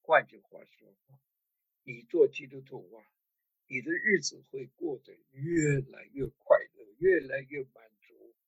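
A male preacher gives a sermon in a husky, breathy voice. He talks haltingly, full of fillers, and poses rhetorical questions. The recording is dry and a little dull. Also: medium pitch, no room sound. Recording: dull lo-fi sound.

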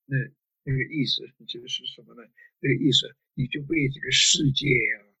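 Husky halting male preacher. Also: medium pitch, fairly even intonation, pushed and bright, no room sound. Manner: halting, many fillers, rhetorical questions. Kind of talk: sermon. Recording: dull lo-fi sound.

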